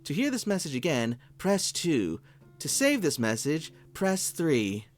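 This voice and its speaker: A man's voice: on the high side, wildly swooping pitch, unhurried, dry recording, soft background music, voice pushed up. A man voicing an impersonal automated voicemail menu, reciting announcements in a tabletop game. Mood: impersonal, mechanical.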